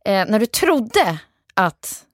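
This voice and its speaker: A woman's voice: medium pitch, big pitch swings, dry recording, studio quality. A woman co-hosting a podcast who teases her co-host and asks curious questions in casual chat. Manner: teasing, curious interviewer.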